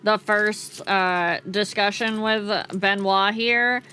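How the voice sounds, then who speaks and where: Bright, cutesy woman livestreamer. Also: medium pitch, steady tone, slow, smooth. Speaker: streamer, host. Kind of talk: chatty livestream game commentary.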